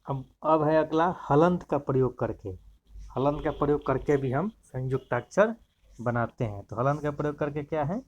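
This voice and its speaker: A man's voice: on the high side, moderate pace, dull audio. A man teaching a grammar lesson, explaining step by step and pointing to examples as he goes.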